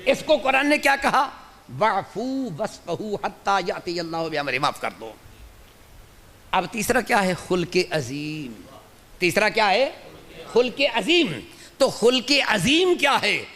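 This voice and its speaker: A man's voice: sits high, sing-song, long pauses, bright, forceful tone. A man preaching a sermon as an Islamic scholar, who asks his listeners questions, answers them himself and repeats key phrases for emphasis. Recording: long hall reverb.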